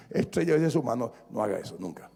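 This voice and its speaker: A male pastor preaching an animated sermon, joking with the congregation and repeating phrases for emphasis. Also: medium pitch, moderate pace, creaky, breathy edge. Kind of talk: lively sermon. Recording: long reverb of a large church hall.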